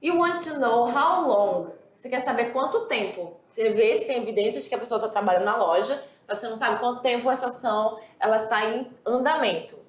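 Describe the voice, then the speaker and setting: Brazilian woman teaching, echoey room. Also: fairly high pitch. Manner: slow, deliberate example sentences, quick asides. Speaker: English teacher. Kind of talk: recorded grammar lesson.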